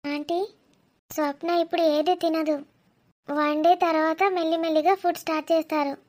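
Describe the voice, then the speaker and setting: A polite, fussy young woman, played by a woman in a comedy skit, keeps giving careful instructions. Her voice is high and clear. She sounds patient but a little exasperated. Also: little pitch movement, a little fast, darkish tone, natural voice. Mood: instructing.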